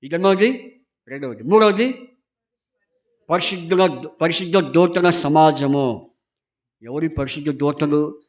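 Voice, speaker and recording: A male pastor delivers a Sunday sermon, his voice sitting a little higher than most men's. He reads scripture slowly and with weight, then turns to the congregation with question after question, insisting they answer aloud.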